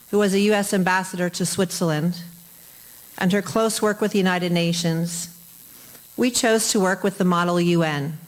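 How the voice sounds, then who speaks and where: A young woman from the United States, a nursing student presenting a prepared talk in a measured, formal way. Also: fairly low pitch, rough recording. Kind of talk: reading a prepared group presentation.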